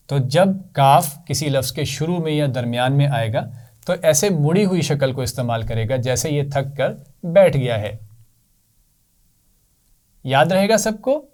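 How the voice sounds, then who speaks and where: A man teaching children to read, speaking slowly and patiently and repeating letter sounds for them to echo. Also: a little high, a little mellow. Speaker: Quran reading teacher for children. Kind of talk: children's lesson.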